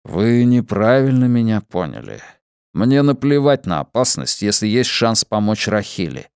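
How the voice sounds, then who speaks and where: Man reading as calm, grave archaeologist, dry sound. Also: fairly low pitch, gravelly, smooth, no room sound. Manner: measured, restrained. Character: calm, grave male archaeologist, stoic and reasoning. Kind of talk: dramatised audiobook reading.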